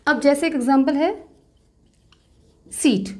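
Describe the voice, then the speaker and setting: A woman teaching shorthand step by step, patiently repeating rules and slowly drawing out example words, with terms. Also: high-pitched. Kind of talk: step-by-step tutorial explanation.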